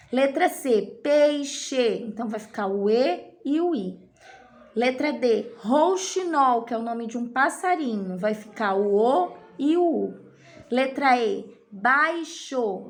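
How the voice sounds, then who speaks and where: A woman teacher guiding young children through a worksheet, patiently drawing out key words and checking in often. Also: fairly high pitch. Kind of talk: primary school lesson walkthrough.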